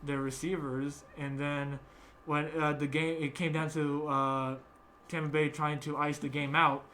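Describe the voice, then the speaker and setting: A man's voice: a little high, flat delivery, a little slow, pushed and bright, slight background noise. A young man hosting a casual sports chat, rambling with many fillers and restarts. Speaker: podcast host.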